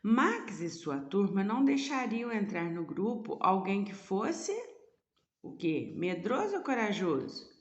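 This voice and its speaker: A woman's voice: medium pitch, echoey room. A woman teacher explaining a lesson remotely, asking her students rhetorical questions as she goes.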